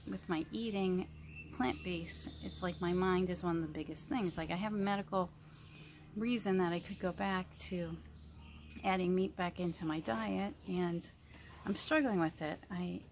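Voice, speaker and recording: A woman in her early fifties with a slightly low voice, recorded with some background noise. She talks in a casual vlog style, rambling and thinking out loud, often stopping partway through a sentence before picking it back up. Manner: rambling, reflective, pausing mid-sentence. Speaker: vlogger. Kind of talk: casual chit-chat mukbang vlog.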